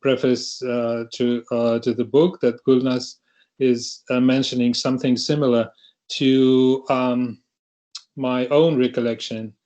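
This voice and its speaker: On an online panel over a video call, a middle-aged Russian man speaks hesitantly and haltingly, restarting often. His medium-pitched voice is a little mellow with little pitch movement.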